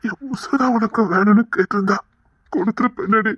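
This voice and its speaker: A man voicing a protective young man who is hurt but stays loyal to his lover. He speaks slowly and reproachfully, and reassures her firmly. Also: high-pitched, slight background noise, natural voice. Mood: hurt reproach. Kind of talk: audio drama acting. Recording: dry, dull lo-fi recording.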